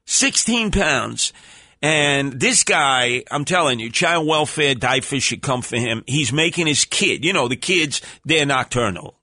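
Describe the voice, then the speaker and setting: A man hosts talk radio in a New York accent, his voice bright and punchy in a dry studio sound. He rambles through comic monologue with bombastic, theatrical delivery. His streetwise speech is full of colourful coinages. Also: mid-range voice, expressive, moderate pace, few pauses, dry recording.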